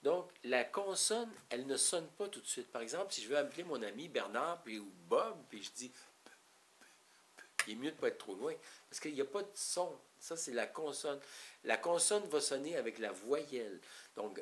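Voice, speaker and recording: A man's voice: mid-range voice, animated, normal speed, fairly bright tone. A man with a Québécois French accent giving an informal, rambling talk to parents, explaining step by step with frequent restarts. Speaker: parenting educator.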